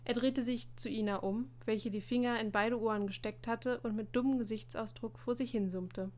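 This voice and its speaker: A woman reading a story aloud as narrator, telling it in a lively way. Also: on the high side, moderate pace. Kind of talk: audiobook reading.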